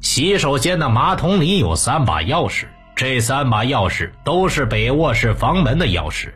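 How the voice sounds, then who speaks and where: A man's voice: mid-range voice, breathy edge. A man reading scripted true crime narration in a storytelling delivery, as a narrator of criminal cases. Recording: music bed under the voice. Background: background music.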